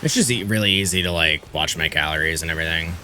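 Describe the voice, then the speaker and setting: A man's voice: deep voice, fast, sharp tone. A man streaming a game, chatting casually and swearing offhandedly. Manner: laid-back, swears casually. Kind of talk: casual chat while gaming.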